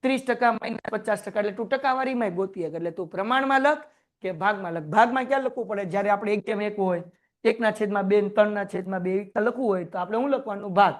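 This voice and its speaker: A man teaching a class, lively and joking as he quizzes his students. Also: sits high, fast talker. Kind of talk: classroom lecture.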